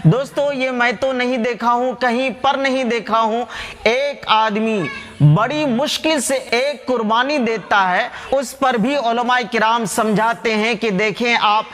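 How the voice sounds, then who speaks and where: A man's voice: extremely high pitch, unhurried, fairly bright tone, big-room sound, a little hiss or hum. A man hosting a religious commentary channel, arguing a point with a string of rhetorical questions and speaking straight to his viewers as friends. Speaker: channel host.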